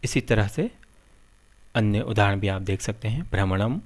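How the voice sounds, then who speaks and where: A man teaching a lesson, spelling out letters one by one in a measured way. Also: on the low side, expressive. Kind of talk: slow explanatory lesson.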